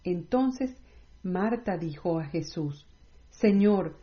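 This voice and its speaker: A woman reading scripture aloud in a measured, scripted way, with no commentary. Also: on the low side, animated, mellow. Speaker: Bible reader. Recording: roomy, slightly dull recording.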